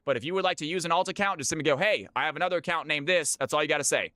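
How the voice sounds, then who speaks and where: A man's voice: a little high, rapid-fire, sharp tone, no room sound, studio quality. A man hosting a livestream of community games, chatting informally with viewers and often repeating his phrases. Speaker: livestream host running community custom games. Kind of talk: livestream chat and game-lobby announcing.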